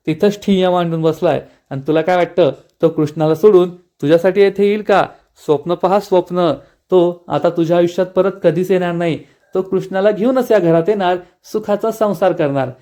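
A man's voice: sits high, steady tone, a little fast, hardly any pauses, warm tone, close to an everyday voice. A man voicing a brash, pushy young suitor from a TV serial, speaking in a boastful, bullying way.

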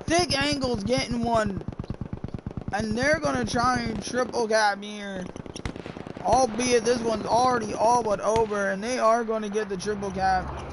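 A commentator casting a live online shooter match, excitable and quick to exclaim at big plays. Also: mid-range voice. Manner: excitable, breaks into exclamations and laughter. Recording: background noise with mouse clicks.

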